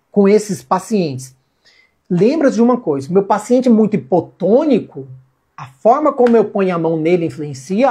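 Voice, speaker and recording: A woman's voice: on the low side, mellow, slightly rough. A woman with a Brazilian Portuguese accent giving an informal physiotherapy lecture, repeating key points and answering her own questions. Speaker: physiotherapy instructor.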